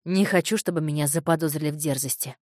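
A woman reading an audiobook, voicing a calm, polite teenage boy who speaks softly. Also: low voice, fast, no echo, studio quality, pitched below the performer's own voice, lightly acted. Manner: soft, restrained.

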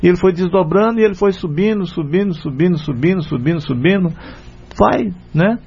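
A man with a Brazilian Portuguese accent hosts a spiritist radio show, talking in an earnest, conversational way. His voice is gravelly, husky and somewhat high. The sound is dull and lo-fi, like an old radio recording. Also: fairly quick. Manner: earnest, retells a story with many "né?" fillers. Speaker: radio program host.

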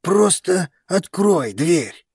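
Man doing a brooding dragon man, possessive, clipped, slightly raised pitch, husky, dry audiobook sound. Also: sing-song, unhurried, a little mellow, no room sound, full character voice. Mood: restrained insistence. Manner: tense, clipped, growling.

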